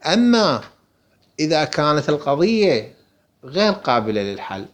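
A man's voice: on the high side, very animated, normal speed. A man with an Iraqi accent giving a religious lesson, explaining a book and answering his own questions. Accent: Iraqi Arabic. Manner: rhetorical questions answered himself. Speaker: religious teacher. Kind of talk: lecture explaining a text.

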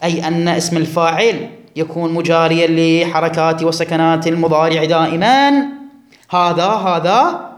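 A man's voice: fairly high pitch, fairly even intonation, normal speed. A man teaching a classroom grammar lesson, drawing out and repeating words for his students. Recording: echoey room.

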